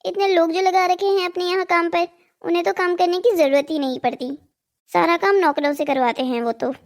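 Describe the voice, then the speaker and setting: A woman's voice: extremely high pitch, fairly even intonation, fairly quick. A woman voicing a wealthy, condescending village wife in a cartoon drama. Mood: teasing. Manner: teasing, condescending.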